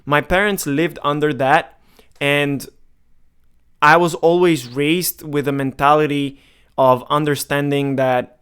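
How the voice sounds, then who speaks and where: A man in his twenties, originally from Romania, talks straight to the camera in a frank, emphatic way. His voice sits a little high and sounds smooth and clear. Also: fairly even intonation, slow, a bit bright. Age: 20s. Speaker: marketing vlogger. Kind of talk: casual direct-to-camera monologue.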